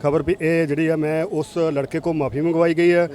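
A man who is a manager making an official statement in a news interview, measured and hesitant. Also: fairly high pitch, flat delivery, a little mellow.

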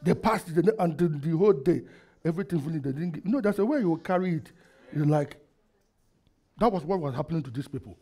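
A middle-aged man, preaching a sermon into a headset mic in a church hall, asking the congregation questions and swinging between loud and quiet. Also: fairly high pitch, expressive, fast. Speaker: pastor. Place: church hall with projector screen, indoors.

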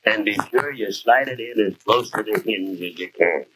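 An American actor playing a seasoned, avuncular mechanic giving folksy practical tips in a scripted 1940s training film. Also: male voice, lowish voice, normal speed, pushed and bright. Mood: advising. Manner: folksy, advising. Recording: noisy 1940s film soundtrack.

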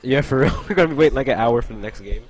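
A young man with a mid-range voice commentates a video game tournament stream at a rapid-fire pace. He keeps it casual, laughing often and answering chat between plays, while loud game music plays behind him.

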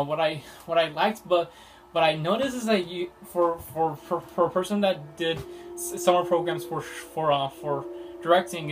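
A young man talks through a film review off the cuff, stumbling over his words and leaning on "you know" and "like". His voice sits a little high for a man, and music plays clearly beneath him. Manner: rambling, many fillers and restarts. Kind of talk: casual unscripted review.

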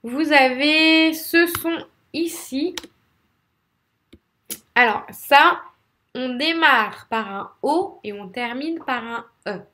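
A woman's voice: high voice, drawn-out words, sharp tone. A woman with a French accent teaching English pronunciation, speaking straight to her viewers and repeating each sound patiently. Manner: speaks directly to viewers, encouraging.

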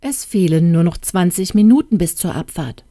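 Brief: kind, courteous young gentleman, voiced by a female reader, dry and close. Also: lowish voice, moderate pace, no room sound, lightly acted. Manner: courteous, calm and helpful.

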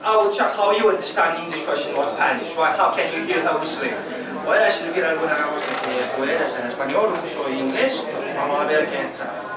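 A man's voice: a little high, quick pace. A man in his twenties presenting informally as a tour guide to a group, addressing listeners directly. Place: busy wooden-roofed restaurant room with large windows. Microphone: camera among the seated audience, far from speaker. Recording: echoey, distant camera recording with loud background noise.

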